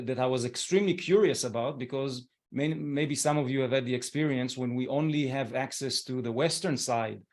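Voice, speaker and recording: The host of this online webinar is a man in his forties from Israel, speaking at medium pitch over a video call. He's gentle and encouraging, with frequent fillers throughout.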